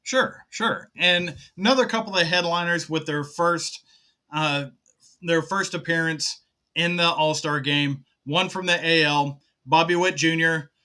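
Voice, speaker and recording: A man's voice: fairly high pitch, fairly even intonation, a little slow, pushed and bright. A man co-hosting a sports talk show, giving enthusiastic, stat-heavy analysis in casual chat. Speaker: podcast co-host.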